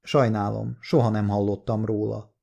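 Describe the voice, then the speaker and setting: A man's voice: fairly low pitch, little pitch movement, gravelly, mellow, dull audio. A man reading the part of a terse, guarded man who gives short, clipped answers, in an audiobook. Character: curt, guarded man abroad, baritone.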